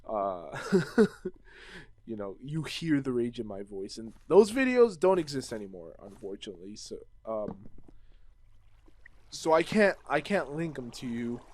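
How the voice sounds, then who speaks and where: A man's voice: medium pitch, very animated, unhurried, darkish tone. A young man chatting casually at home while playing a game, rambling and restarting sentences as he tells stories and answers viewer questions. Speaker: gaming vlogger.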